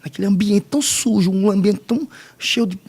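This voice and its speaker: A man, telling his personal testimony as a podcast guest in halting, emotional speech with many restarts. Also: high-pitched, darkish tone, husky. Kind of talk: personal testimony in casual conversation.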